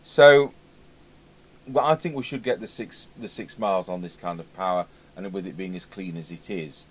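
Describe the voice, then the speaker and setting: A deep-voiced man speaks at a moderate pace, giving a casual hands-on demonstration as a radio repair technician and muttering to himself as he thinks aloud while working. He's indoors at a repair workbench, and the recording has clearly audible background noise and workshop ambience.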